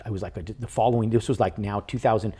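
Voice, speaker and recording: A man in an interview who tells his story casually, animated and with casual swearing. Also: on the low side, quick pace, husky. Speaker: podcast guest, real estate investor.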